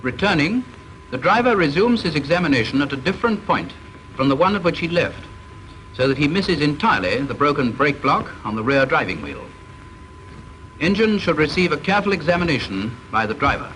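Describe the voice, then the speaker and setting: A British man gives stern, measured, instructive narration from a formal script for a training film. His voice leans high, sing-song and fairly bright. The vintage soundtrack has faint hiss, and the recording is rough.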